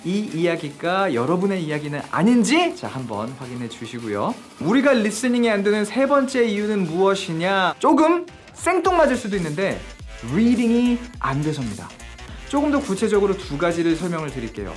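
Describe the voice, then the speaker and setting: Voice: mid-range voice, very animated, fairly quick, faint music behind. An English teacher giving a video lesson, explaining step by step and asking viewers questions along the way.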